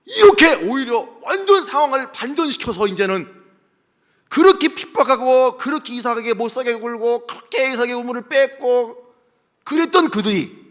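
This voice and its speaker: Animated, bright-voiced male pastor preaching. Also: extremely high pitch, normal speed, in a large hall. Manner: animated, exclaiming, storytelling. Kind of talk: sermon.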